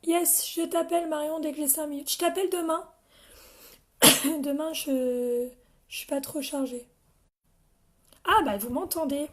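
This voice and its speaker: Young woman with a high voice hosting a casual live makeup demo, chatty with her viewers. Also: fairly even intonation, a little slow, pauses often, slight background noise. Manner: chatty, addresses viewers by name, frequent coughs. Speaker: makeup seller training her team.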